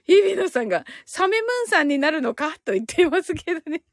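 A woman's voice: very high voice, big pitch swings, a little fast, no echo, studio quality. A woman hosting a casual live audio stream, reading out listener comments and reacting with giggles and delight.

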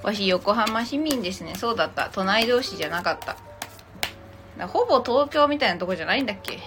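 Fast and lively in intonation, a woman with a medium-pitched voice runs a casual tarot livestream as host and reader. She swaps between polite and teasing casual speech while bantering with commenters, music playing in the background.

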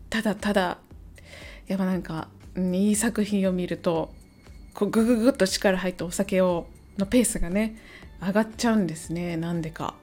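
Hungover and thinking aloud, a woman hosts a casual solo chat for her listeners, rambling and hesitant. She's a musician and songwriter who speaks to amateurs, with a warm, mid-range voice.

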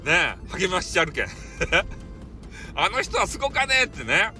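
A man with a Hakata dialect accent chatting casually on his own stream, teasing and jumping in pitch. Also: sing-song, sharp tone, faint music behind. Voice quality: teasing, jumpy pitch, drawn-out dialect vowels. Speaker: audio streamer. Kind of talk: casual chat monologue.

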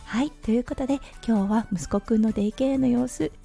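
Husky-voiced woman hosting a chatty podcast. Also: on the high side, brisk, soft background music. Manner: gentle chatty storytelling with soft fillers. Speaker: podcast host. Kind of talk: casual solo talk radio.

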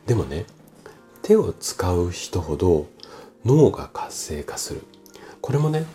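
Deep-voiced man in his fifties talking. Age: 50s. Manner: calm, explanatory, speaking familiarly to a younger self. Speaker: podcast host, bodywork clinic owner. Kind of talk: solo podcast talk addressing his younger self.

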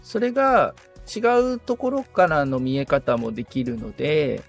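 A man of about forty, a guitar repair technician, appears as a guest on a casual podcast interview, explaining things thoughtfully with tentative phrasing. His mid-range voice is sing-song and a little slow, with vocal fry, over soft background music.

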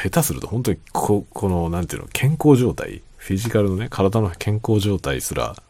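A man chatting casually in a quiet late-night monologue, musing and circling back over his own phrases. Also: gravelly, breathy edge, dry recording. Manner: quiet, low-voiced night-time talking. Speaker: host of a solo talk show.

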